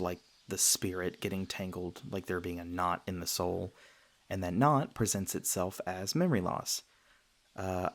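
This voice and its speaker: In an ASMR roleplay, a man voices a low-pitched, soft-hearted male vampire speaking closely to one listener. Centuries-old but youthful and sweetly flustered, the vampire is earnest and self-conscious, often hesitating or stammering as he gently explains himself.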